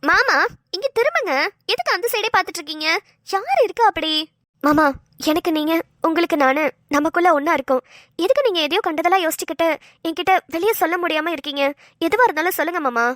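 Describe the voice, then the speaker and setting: A woman's voice: very high-pitched, fast talker, dry recording. A woman voicing a chatty young wife who teases and tells stories, close and dry. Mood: teasing. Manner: chatty, teasing, animated storytelling.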